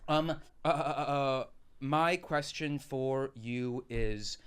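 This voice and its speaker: A man's voice: medium pitch, slow, a bit bright, clean tone. A man playing a tabletop game, talking in a hesitant, rambling way. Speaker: player. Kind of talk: casual tabletop game play.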